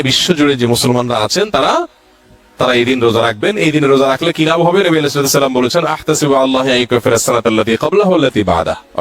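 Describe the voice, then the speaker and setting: A man's voice: a little high, a bit bright. A male Islamic preacher giving a religious lecture, going through numbered points and reciting Arabic verses.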